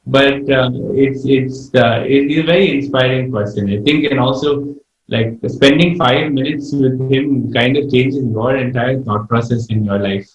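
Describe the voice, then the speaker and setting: A man answering casually in an interview as a musician, halting and often restarting his phrases. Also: medium pitch. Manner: hesitant, halting, repeats phrase starts. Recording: echoey, distant, slightly dull microphone.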